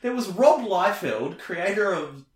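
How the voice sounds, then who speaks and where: A man, chatting casually as a podcast co-host, animated and full of fillers. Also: high voice, measured pace. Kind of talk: casual chat. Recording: roomy echo.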